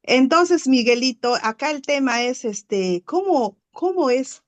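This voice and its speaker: A woman guest with a voice that sits high tells a story in casual conversation, taking her time. She's chatty and animated, leaning on fillers and tag questions and acting out sounds.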